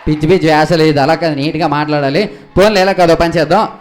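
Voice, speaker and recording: A young man with a high voice leads a comic stage skit. He fires questions at his partner with lively exasperation and turns to the live audience now and then. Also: fast talker. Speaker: skit host and straight man.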